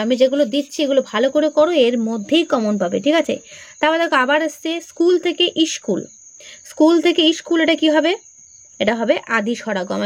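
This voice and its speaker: High-voiced woman teaching exam grammar. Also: no echo. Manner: asks questions then answers them herself, repeats key terms. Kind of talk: exam-prep grammar lesson.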